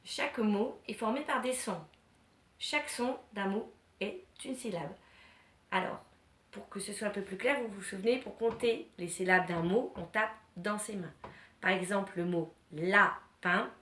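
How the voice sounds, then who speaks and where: A woman teacher giving a lesson to young children, encouraging them and pronouncing words slowly and clearly. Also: medium pitch. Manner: warm, encouraging, slow and clearly articulated; syllables stretched and repeated for children.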